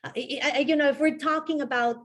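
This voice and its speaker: A woman's voice: high voice, steady tone, fast talker, a bit bright. A woman from Ecuador, a guest talking reflectively in a casual interview, with many fillers and restarts.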